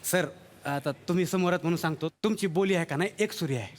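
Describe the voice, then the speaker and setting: Fussy know-it-all actor-inspector, male, high-ish voice, stage sketch with music behind. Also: fast, natural voice. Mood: lecturing. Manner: lecturing, fussy, explains at length. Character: meddling male actor playing an inspector, lecturing others.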